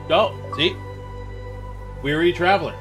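A man's voice: a little high, a little slow, over music. A man streaming a game, joking around and talking to his in-game dog and his viewers. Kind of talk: casual gameplay commentary.

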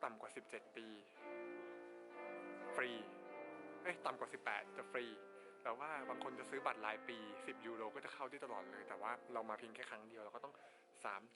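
A man's voice: mid-range voice, brisk, pauses often, over loud music, poor audio. A man from Thailand narrating a casual travel vlog in a chatty, joking way, often laughing at himself. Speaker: travel vlogger.

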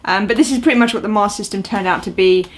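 A woman in her twenties, seated on a sofa in a small room at home, races through her words at medium pitch. As a video host unboxing on camera, she chats casually and rambles with lots of ums and uhs.

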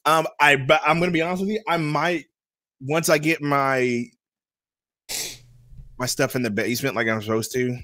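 A man's voice: on the high side, steady tone, moderate pace, long pauses, sharp tone, no room sound. A man in his thirties co-hosting a live reaction stream, laid-back, with dry pushback. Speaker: podcast co-host.

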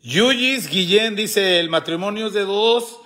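A man's voice: high-pitched, slow, bright, forceful tone. A middle-aged man hosting a casual live chat, joking, laughing often and reading viewers' comments aloud. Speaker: host.

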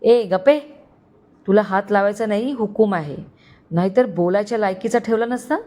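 A woman voicing a rough male thug who growls threats at a captive. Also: medium pitch, measured pace, natural voice. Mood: growling.

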